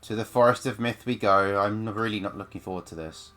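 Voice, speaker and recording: A male streamer with a low, bright-edged voice talks through a game in casual commentary, tossing off sarcastic asides. Faint game music runs under him on a desk mic. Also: fairly quick. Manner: sarcastic, offhand remarks. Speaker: let's play streamer.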